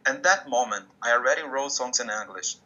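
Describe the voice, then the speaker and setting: Over a video call with dull lo-fi sound and a noisy crowd behind him, a Portuguese-speaking musician guest talks in English during an interview. His mid-range voice is animated and fairly quick, but he's hesitant, restarting often as he searches for words.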